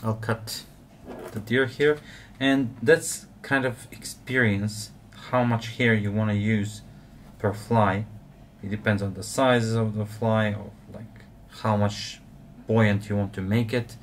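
Low-voiced man explaining fly tying. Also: slow, slight background noise. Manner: relaxed, explanatory, frequent uh fillers. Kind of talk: step-by-step tutorial narration.

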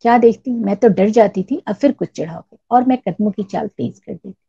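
Storybook role: a wistful young bride-to-be, read by a woman, gravelly mellow voice. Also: mid-range voice, fairly quick, dry recording. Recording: dull lo-fi recording.

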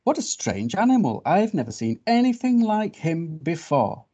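A man's voice: on the high side, sing-song, normal speed, warm tone, breathy edge, dull audio, voice pushed up. A man voicing a curious, sceptical little bird from a picture book in a chirpy voice. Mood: puzzled.

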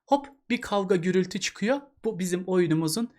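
A man's voice: high voice, lively intonation, brisk, darkish tone. A man teaching an exam-prep literature lesson in a chatty way, asking rhetorical questions and addressing the student as a buddy.

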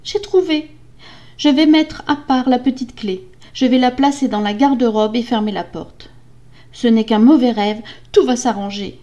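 Terrified young wife, done by a woman in a fairy-tale reading, high, shaky, pleading. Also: moderate pace, hardly any pauses, warm tone, highs cut off, lightly acted. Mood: anxious. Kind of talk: storybook reading.

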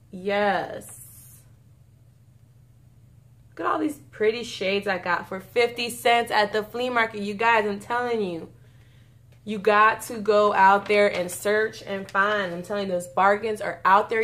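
A chatty woman shows off her bargain finds, gushing with delight and calling out to her viewers. Her voice sits at an ordinary middle pitch and her talk runs loose and casual. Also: fairly bright tone. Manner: chatty and gushing, keeps saying y'all. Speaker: beauty vlogger. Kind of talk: casual haul video chat.

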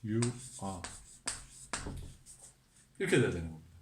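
A man teaching a beginner English grammar lesson, explaining slowly, asking the viewer questions and drilling example sentences in a deliberate voice. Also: low voice, big pitch swings, echoey room, noisy background.

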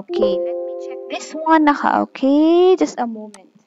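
A woman teaching an English lesson over slides, reading aloud slowly and asking pupils questions. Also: high-pitched, lively intonation, muffled recording, over music.

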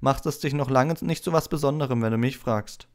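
A man voicing an arrogant, mocking schoolboy bully with a loud, cutting delivery in an audiobook reading. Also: mid-range voice, fairly quick, pitched above the performer's own voice, lightly acted. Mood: sneering.

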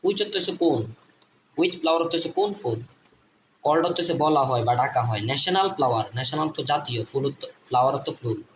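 A man with a slightly high voice, speaking with a Bangladeshi accent, slowly spells out English words for young learners. He says each letter and each syllable, then repeats them again and again, like a patient classroom drill. The recording sounds echoey, with faint room noise behind him. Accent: Bangladeshi Bengali. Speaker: English teacher. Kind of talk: spelling-out reading lesson.

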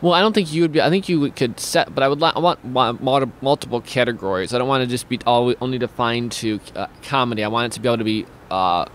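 A man's voice: medium pitch, quick pace, hardly any pauses, a little hiss or hum. Young man hosting a rambling stream chat. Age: young adult. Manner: rambling, many restarts and fillers, reads viewer comments aloud. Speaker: host of a streaming talk show. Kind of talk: casual video-call chat. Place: small home studio. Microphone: studio mic with headphones.

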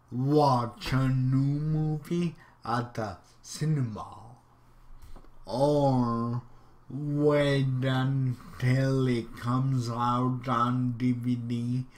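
Man, casual gameplay commentary, very slow drawl, reads questions then answers offhand. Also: medium pitch, slight background noise. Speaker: YouTuber.

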